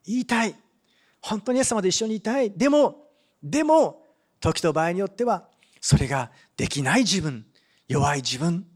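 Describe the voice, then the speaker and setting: A man's voice: sits high, normal speed. A man preaching a sermon as pastor, retelling a Bible story and reading scripture aloud, often adding a questioning "ne". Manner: animated, with frequent rhetorical "ne" and Bible reading.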